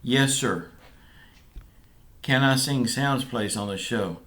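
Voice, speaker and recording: This Southern US man, co-hosting a vlog, has a medium-pitched, fairly bright voice. He answers viewers' questions in relaxed casual chat, rambling a little and pausing with fillers.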